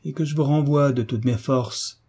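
A man's voice: medium pitch, normal speed, darkish tone, slightly rough, voice pushed up. A man voicing a pompous, easily offended baron in an audiobook, orating with indignation. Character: pompous touchy aging baron, self-important politician. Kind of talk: audiobook character reading.

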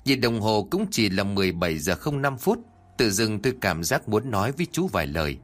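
A man's voice: lowish voice, fairly quick. Man telling a ghost story. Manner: animated, dramatic storytelling. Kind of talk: first-person ghost story narration.

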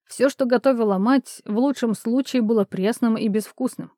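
Mellow-voiced woman reading a novel. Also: on the high side, normal speed, dry recording, clean studio sound. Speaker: audiobook narrator. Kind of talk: scripted audiobook narration.

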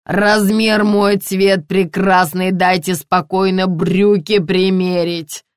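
A woman reading an audiobook, voicing an irritable stout middle-aged male police colonel who speaks slowly in gruff, clipped bursts. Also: medium pitch, no echo, studio quality, close to an everyday voice. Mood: grumbling. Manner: slow, gruff, loud clipped outbursts.

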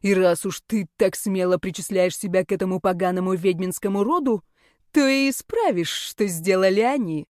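A woman's voice: medium pitch, a little mellow, dry recording, studio quality, natural voice. Woman voicing a menacing aging male rector. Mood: haughty, menacing. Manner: slow, haughty, domineering. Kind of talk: audiobook character voice.

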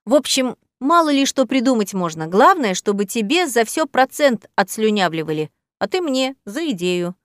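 A woman's voice: a little high, very animated, moderate pace, hardly any pauses, no echo, clean studio sound. Woman reading a teasing, ironic heroine. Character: playful ironic young woman teasing her cat friend. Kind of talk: audiobook character voice.

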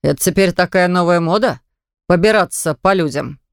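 A woman's voice: on the low side, moderate pace, creaky, no echo, clean studio sound, voice pushed down. A woman reading aloud voices a stingy, pompous male neighbor who speaks in a mocking, sanctimonious way.

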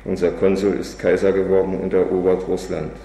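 A man reading aloud as a bitter, drunken old male revolutionary, in a flat, weary recitation. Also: low voice, brisk, vocal fry, far from the mic. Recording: echoey hall, faint background noise.

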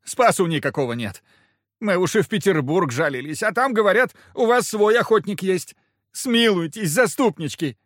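A man's voice: sits high, expressive, moderate pace, a bit bright, dry recording, studio quality, voice pushed up. A man voicing a timid, wet peasant man who whines and pleads. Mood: pleading. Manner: whining, pleading.

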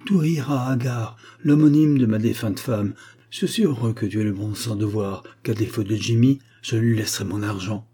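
A man voicing a dying old miser who shouts in raging outbursts. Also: fairly low pitch, moderate pace, husky.

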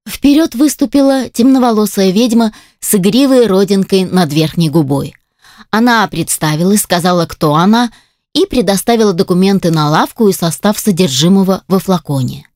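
A woman's voice: mid-range voice, a little mellow, dry recording, clean studio sound. Woman narrating a first-person audiobook. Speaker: audiobook reader.

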